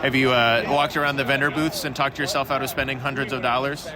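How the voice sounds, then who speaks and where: On a crowded convention floor, a man casually interviews attendees vox-pop style, tossing out questions in a joking, offhand way. His voice is medium-pitched and level, and he talks quickly over the crowd noise.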